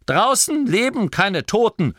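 Guy doing a shrill old gnome granny, blunt, super high and wobbly, storybook voice. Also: very animated, a little slow, bright, forceful tone, no room sound, clean studio sound, full character voice. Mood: indignant.

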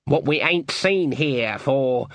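A man voicing a rustic, grumbling local man who talks slowly and scornfully in a halting way. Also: medium pitch, lively intonation, a bit bright, no echo. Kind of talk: audiobook character reading.

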